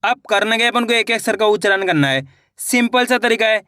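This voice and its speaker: A male teacher slowly sounds out Hindi words syllable by syllable for a reading lesson, and speaks more briskly when he explains. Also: high voice, sharp tone, clean tone, no room sound, studio quality.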